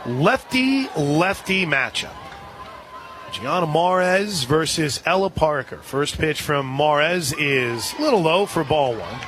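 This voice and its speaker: A man announces a softball game live on the radio, giving play-by-play from an outdoor ballpark's broadcast spot. His voice is fairly high with lively intonation, and he speaks slowly over the noisy crowd and ambient ballpark sound.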